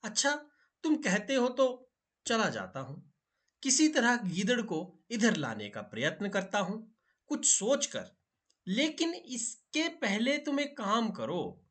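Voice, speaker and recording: A man's voice: sits high, huge pitch swings, slow pace, a bit bright, pitched above the performer's own voice, exaggerated voice. A man voicing a friendly, scheming male turtle in a school storybook reading, talking in a chatty, fussing manner. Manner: chatty, fussing, plays at grieving.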